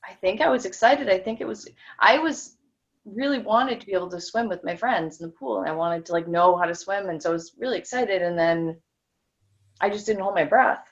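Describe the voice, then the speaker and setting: Low raspy-fry woman repeating lines, halting, kinda muffled lo-fi sound. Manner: hesitant, stumbling restarts, soft. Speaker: client in demonstration. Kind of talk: repeating phrases and recounting a memory. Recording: dull lo-fi sound.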